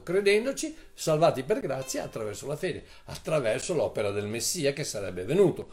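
A man preaching a sermon in an animated way, repeating phrases and rising into emphatic bursts. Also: on the high side.

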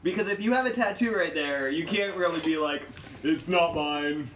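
A young man chatting on a podcast, jokey and animated, his voice jumping up when he makes a point. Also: on the high side, normal speed, distant mic, a little hiss or hum. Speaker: podcast co-host. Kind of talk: casual crude podcast banter. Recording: echoey room, a bit off-mic.

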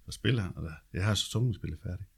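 Gravelly deep-voiced man telling stories. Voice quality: deep bass voice. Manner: chatty, tags lines with "ikke?", swears casually. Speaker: guest telling his life story. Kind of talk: casual storytelling.

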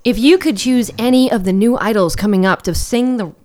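A woman co-hosting a podcast, chatting in an animated, teasing way. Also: on the high side, a little fast. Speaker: podcast co-host. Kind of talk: casual chat.

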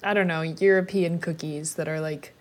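A woman's voice: low-pitched, fairly even intonation, normal speed. A woman co-hosting a podcast in casual chat, rambling and snacking as she talks into a mic with headphones on. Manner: rambling, eats while talking. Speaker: podcast co-host.

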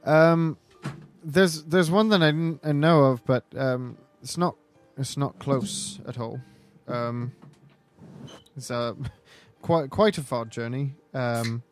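In an improvised tabletop roleplay, a man of medium pitch plays a hesitant, apologetic apothecary shopkeeper who's eager to help. He speaks haltingly and politely, lightly acted, over soft background music.

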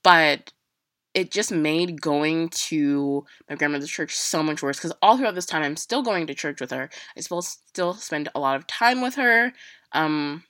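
A young woman telling a personal story in a casual, halting way, full of fillers and restarts, with emotion close to the surface. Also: sits low, lively intonation, a bit bright, no echo. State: emotional, near tears.

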